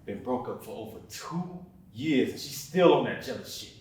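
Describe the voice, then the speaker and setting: A man's voice: medium pitch, animated, moderate pace, a little mellow, lightly acted. A young man acting a monologue as a separated father full of regret, confessing in a brooding, profane way. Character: remorseful separated father who missed son's birthday. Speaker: student actor. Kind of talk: dramatic monologue. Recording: very echoey room, mic far off.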